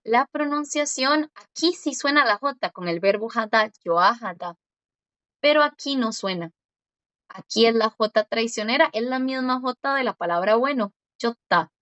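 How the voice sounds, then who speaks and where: A woman's voice: a little high, fairly bright tone, no echo, lo-fi sound. Patient woman teaching a language lesson. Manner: patient, explains step by step and repeats words slowly.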